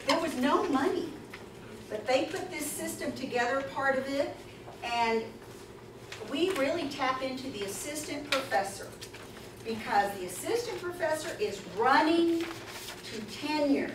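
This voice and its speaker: A woman with a high-pitched voice and measured pace presents at a conference, chatty and emphatic, animated, with asides, answering questions from seated listeners. A camera far back in the audience records it, leaving the room echoey and noisy.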